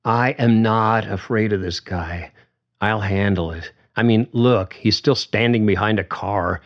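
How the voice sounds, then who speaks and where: A man's voice: on the low side, measured pace, muffled recording, lightly acted. A man doing a seething, fed-up young woman. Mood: firm. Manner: clipped, firm, seething.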